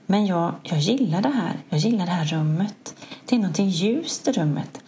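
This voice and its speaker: A middle-aged woman, host of a podcast, telling a personal story in a candid, self-mocking way with a soft, hushed delivery. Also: fairly low pitch, lively intonation.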